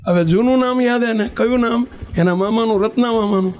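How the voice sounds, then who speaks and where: A man's voice: very high voice, fairly quick. A man telling a story in a sermon, acting out the characters' calls. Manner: animated storyteller, acts out shouting characters. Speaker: preacher.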